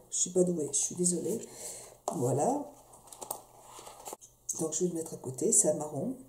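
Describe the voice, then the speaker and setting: Woman beauty vlogger, dark mellow voice, hesitant and chatty, echoey home room with faint hiss. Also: lowish voice. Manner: chatty, hesitant, many fillers and restarts. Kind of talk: casual product review.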